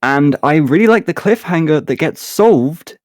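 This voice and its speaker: A man's voice: on the high side, lively intonation, moderate pace, no room sound. A man co-hosting a podcast in casual chat, enthusiastic and often restarting his sentences. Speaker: podcast co-host.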